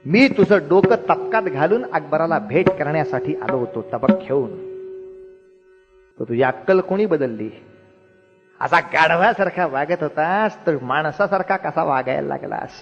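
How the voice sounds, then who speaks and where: A man's voice: on the high side, animated, a little slow. A man voicing a remorseful younger brother, a warrior who speaks emotionally and pleads. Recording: roomy hall, dull lo-fi, faint music.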